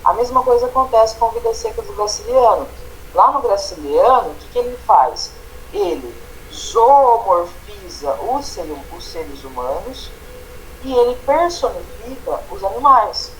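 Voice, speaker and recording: A Brazilian-accented male teacher talks through a grammar class in a patient, explanatory way. He keeps tagging his points with quick checks to his students. The room has a faint hiss behind him. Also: high voice, big pitch swings, fairly bright tone, low-quality recording. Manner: explanatory, tags phrases with "né?" and "tá?". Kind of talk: online grammar lesson.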